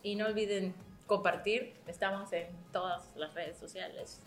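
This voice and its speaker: A woman's voice: mid-range voice, moderate pace, reverberant, soft background music. A woman with a Mexican accent co-hosting a casual podcast, laughing often and swearing freely as she tells stories. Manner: laughing, swearing, lively storytelling. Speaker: podcast co-host.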